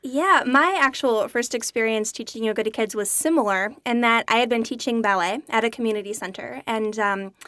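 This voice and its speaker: A woman's voice: on the high side, fairly quick, few pauses, bright, forceful tone, dry recording, clean studio sound. A woman hosting a podcast in a chatty, upbeat way, often laughing as she talks. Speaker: podcast host. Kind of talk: casual podcast chat.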